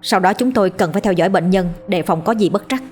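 Woman reading a tired calm doctor. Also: medium pitch, quick pace, faint music behind, lightly acted. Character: tired male hospital doctor, calm and businesslike.

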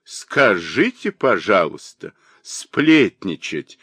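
A man voicing a spiteful, gossiping old spinster woman with a shrill, mocking manner in an audiobook. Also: sing-song, measured pace, fairly bright tone, no echo.

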